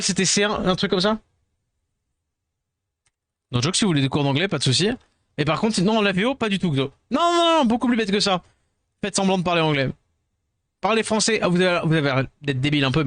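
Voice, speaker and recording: A French streamer sounds tired as he rambles and pokes fun at himself, chatting casually with viewers and mixing in English words. His voice is fairly high and a bit bright. The recording is close and dry.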